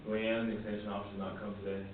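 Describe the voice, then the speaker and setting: A man chairing a public county meeting who briskly moves the agenda along. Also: fairly low pitch, completely flat delivery. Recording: echoey room from far off, phone-like, noisy.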